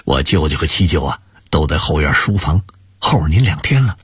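A man's voice: very deep voice, big pitch swings, moderate pace, breathy edge, no room sound, exaggerated voice. A man doing an eager young nephew.

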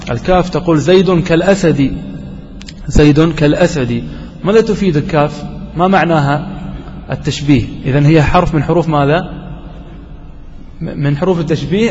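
A man teaching a classroom grammar lesson, quizzing his students and slowly repeating each example. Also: a little high, darkish tone. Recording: dull lo-fi recording with long reverb and faint noise.

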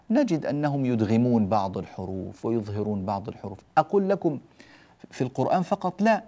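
Male tajweed teacher; lectures plainly, then stretches each example word slowly. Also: mid-range voice, a little mellow. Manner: stretches example words slowly, drawn-out recitation; addresses listeners directly, mildly scolding asides. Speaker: Quran recitation teacher. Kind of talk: religious lesson explaining tajweed rules.

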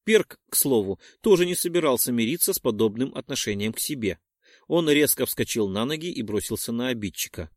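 A man narrating an audiobook in an expressive, measured way. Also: medium pitch, dry recording. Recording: dry close studio sound.

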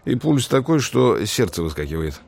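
Lively, sardonic doctor. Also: male voice, mid-range voice, normal speed, creaky. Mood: wry, teasing. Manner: ironic, theatrical, teasing. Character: sardonic, jovial male forensic doctor. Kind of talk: audio drama acting.

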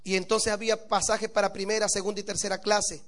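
A male pastor preaching a sermon, telling a story and then building to impassioned, shouted preaching. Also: sits high, level tone, fast.

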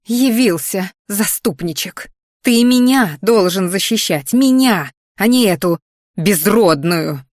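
A woman voicing a spoiled, spiteful young noblewoman with a shrill, whining voice, read as an audiobook with a dry, close sound. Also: expressive, slow, dry recording.

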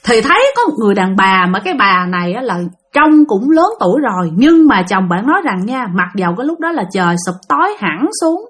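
Her ghost story comes in a Southern Vietnamese accent, lively and aimed right at the listeners. The pitch is medium, the pace a little fast, with few pauses.

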